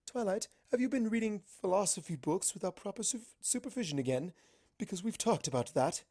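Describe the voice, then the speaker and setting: Lady doing a calm regal pony princess for a story, kinda high, formal n motherly, measured. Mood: gently chiding.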